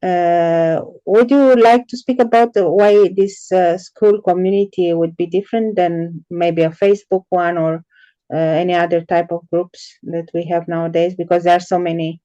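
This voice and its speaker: A woman with a mellow, warm tone asks her guest curious questions in a casual interview. She speaks in a measured way and pauses often between phrases. Her voice sounds dry and close, with little room sound. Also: lowish voice, steady tone, dry recording, highs cut off.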